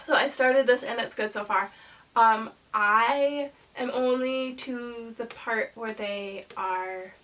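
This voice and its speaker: A woman's voice: a little high, slow, pushed and bright, recorded from a distance, low-quality recording. A young woman with a congested voice from a cold, chatting casually in a rambling way about her book haul as a channel host. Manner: chatty, rambling, many ums and likes.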